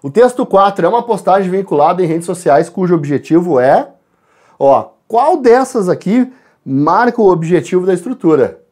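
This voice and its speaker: Brief: Brazilian prep-course teacher with a lively, swinging pitch, speeding up and slowing down between points. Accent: Brazilian Portuguese. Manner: talks to the class, spells out letters and counts sounds aloud; shifts between quick asides and slow stressed words. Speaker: Portuguese teacher. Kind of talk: recorded exam-correction class.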